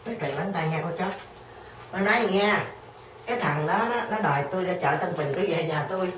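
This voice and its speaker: A woman's voice: fairly low pitch, fast. An older woman, telling a story in a casual chat and acting out the voices of the people in it. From Vietnam. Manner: animated storyteller, acts out quoted voices. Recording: roomy, distant radio recording with background noise.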